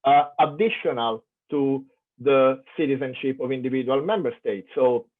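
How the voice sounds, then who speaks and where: The keynote speaker is a man from Italy with an Italian accent and a medium-pitched voice at a moderate pace. His academic lecture is thoughtful and full of fillers and restarts. The sound, captured on an online conference call, is tinny like a phone.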